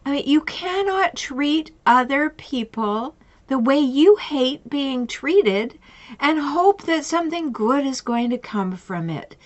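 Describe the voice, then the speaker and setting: A woman's voice: sits high, lively intonation, slow pace, lo-fi sound. Earnest woman coach, emphatic and questioning. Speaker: relationship coach. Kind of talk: advice talk with retold conversations.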